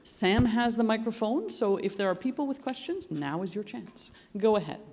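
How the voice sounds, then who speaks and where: A woman's voice: on the high side, animated, normal speed, a little mellow. Woman chairing a session, echoey hall. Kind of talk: live event moderation. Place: large hall with an audience. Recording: echoey hall with long reverb.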